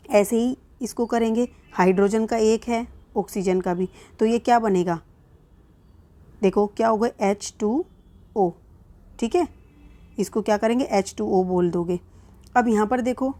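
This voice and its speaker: Casting: Indian-accented woman teacher, a touch high-pitched, patient worksheet walkthrough, rhetorical questions. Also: dark tone. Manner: patient, asks and answers her own questions, calls students "beta". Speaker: science teacher.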